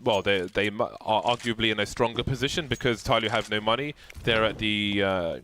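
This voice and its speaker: A man giving live play-by-play commentary on a match, with dry, deadpan banter between excited calls. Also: fairly low pitch, brisk. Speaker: esports commentator. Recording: light background noise with game gunfire.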